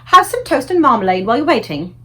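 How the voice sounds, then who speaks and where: A woman's voice: fairly high pitch, big pitch swings, fast, fairly bright tone, pitched above the performer's own voice. A woman playing a gracious, commanding storybook queen with a stately, politely imperious manner. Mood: regal, insistent. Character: regal, gracious queen, puzzled but commanding.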